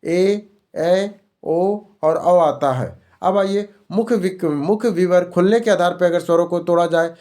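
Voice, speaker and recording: A man's voice: high voice, unhurried, dark tone. A male teacher running an exam-prep grammar lesson, repeating each question and answer as a drill.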